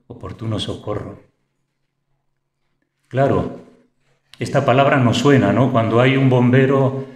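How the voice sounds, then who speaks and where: In a church hall with ringing echo, a man with a Spanish accent from Spain preaches a sermon fervently, rising into bursts of praise. His voice is mid-range and a little mellow.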